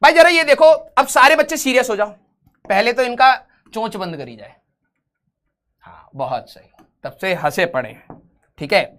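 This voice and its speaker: Bright-voiced joking physics teacher, male. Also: very high-pitched, lively intonation, moderate pace, pauses often. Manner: jokey, teasing banter with students; switches to English when reading questions. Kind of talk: live online lecture.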